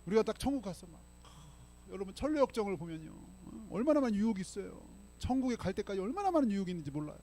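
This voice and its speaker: A man's voice: high voice, big pitch swings, quick pace, warm tone. An older man preaching a sermon as pastor, telling stories in a chatty way and often checking in with the congregation. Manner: conversational storytelling, frequent "예?" to congregation. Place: church sanctuary.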